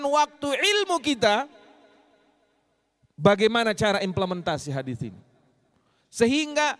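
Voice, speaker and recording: A man from Medan with a Medan accent, giving a lively mosque sermon that swings between loud punches and low asides. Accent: Medan Indonesian. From Medan, Indonesia. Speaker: preacher.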